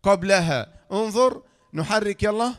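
A man with an Egyptian accent teaching a tajweed lesson, who asks the class questions, answers them himself, and slowly draws out the example sounds. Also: high-pitched, animated, fairly bright tone. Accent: Egyptian Arabic. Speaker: Quran recitation teacher.

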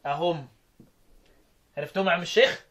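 A man with an Egyptian Arabic accent leads a lesson on Quran recitation, and his voice sits notably high. He chants each verse slowly, then drops into brisk spoken explanation. He keeps firing short questions at his students. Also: fairly bright tone. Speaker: teacher of Quran recitation readings. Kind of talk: interactive lesson, quizzing students.

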